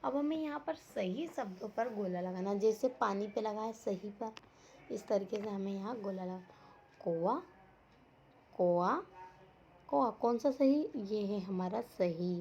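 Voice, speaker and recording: A woman's voice: mid-range voice, normal speed, mellow. A woman teacher giving an online class lesson for young children, talking patiently, repeating words and asking the class questions. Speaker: school teacher. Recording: dull lo-fi audio with faint noise.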